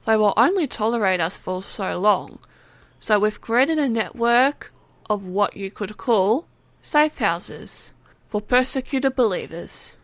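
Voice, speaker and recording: A woman's voice: medium pitch, dry recording. A woman voicing a young, perceptive female cat-alien believer who talks in a wry, good-humored way in an audiobook. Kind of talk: audiobook character acting.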